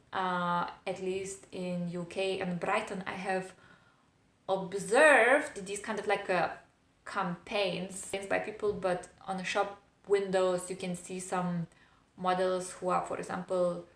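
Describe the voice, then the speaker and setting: This woman, a vlogger in her thirties, has a mid-range voice and a noticeable foreign accent as a non-native English speaker. Her reflective, thoughtful monologue includes pauses and fillers, and the recording has a roomy echo.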